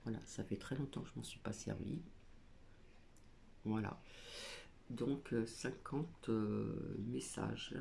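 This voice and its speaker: A woman's voice: rumbling low, steady tone, slow pace, gravelly, pauses often, dark tone, a little hiss or hum. A woman doing a casual spiritual card reading at a small table at home, hesitant with many fillers as she reads card texts aloud. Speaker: oracle card reader.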